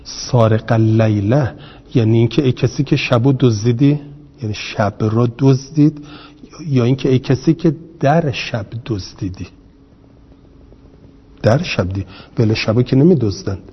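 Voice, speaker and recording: A man teaching a grammar lesson, speaking slowly, repeating each term and asking his class rhetorical questions. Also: medium pitch, slightly rough. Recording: reverberant, dull lo-fi recording.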